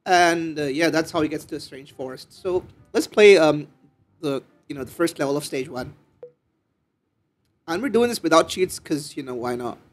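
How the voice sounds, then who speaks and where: Brief: casual male let's-play host, high and animated, loose and jokey. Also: normal speed, soft background music. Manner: rambling, filler-heavy, joking. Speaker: gaming channel host.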